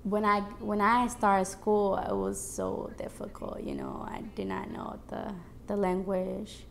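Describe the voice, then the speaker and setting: Young woman, late teens, gravelly low-ending voice, hesitant interview answers. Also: very animated, measured pace, a little hiss or hum. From El Salvador. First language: Spanish. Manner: earnest, hesitant with fillers. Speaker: student activist. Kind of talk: interview testimony.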